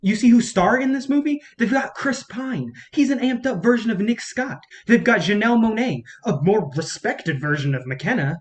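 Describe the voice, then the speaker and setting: At a staged reading, a performer plays an embittered film campaign strategist at the end of their rope, sounding bitter and agitated. The natural voice swings widely up and down in pitch, highly animated, at normal speed with hardly any pauses. The manner is profane, sarcastic and exasperated.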